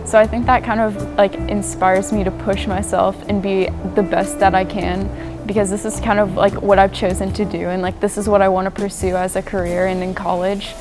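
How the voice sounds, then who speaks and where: A woman's voice: mid-range voice, flat delivery, moderate pace. A teenage girl, a music student, speaking earnestly in an interview and saying "like" often. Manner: earnest, with frequent likes. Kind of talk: casual interview answers.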